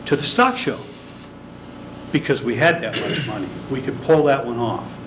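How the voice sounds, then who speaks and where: A man's voice: mid-range voice, lively intonation, moderate pace. Earnest older man at a podium. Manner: earnest, defensive, emphatic. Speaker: elected transit board director. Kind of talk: presenting at a public council meeting. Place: large council chamber, standing at a podium. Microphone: podium microphone. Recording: noisy council chamber recording.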